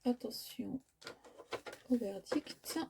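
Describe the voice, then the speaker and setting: A woman's voice: fairly high pitch, drawn-out words, gravelly, background noise. A woman hosting a crafting tutorial, talking casually and hesitantly with many filler sounds and self-corrections as she works. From France. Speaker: crafting video host.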